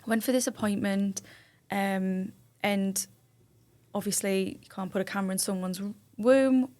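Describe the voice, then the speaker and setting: A woman of about thirty tells a deeply personal story as a podcast guest, her voice sitting in an ordinary middle range. She relives moments as she speaks, bringing in what others said and letting her emotion rise and fall with the memory. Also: fairly even intonation, measured pace, mellow. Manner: emotional, vivid retelling with quoted dialogue. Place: indoor studio room.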